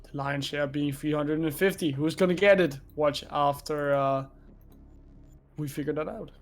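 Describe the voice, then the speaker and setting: A man co-casting a live esports stream, musing aloud in relaxed chat. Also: on the high side, normal speed. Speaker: esports co-caster.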